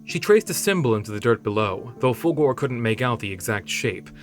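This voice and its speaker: A man narrating a fantasy story in steady, measured storytelling. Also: medium pitch. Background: soft background music.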